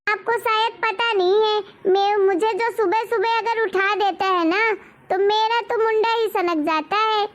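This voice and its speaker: A woman's voice: very high-pitched, steady tone, measured pace. A woman voicing a sassy, defiant young daughter-in-law. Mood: irritated. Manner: sassy, insolent, bossy. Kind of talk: cartoon story voice acting.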